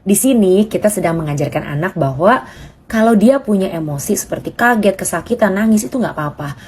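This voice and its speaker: A woman talks through parenting advice in a casual, reassuring monologue. Her voice sits fairly low but moves through a wide, lively range of pitch, and faint noise hums behind her. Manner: expressive, acts out parents' remarks in quoted voices.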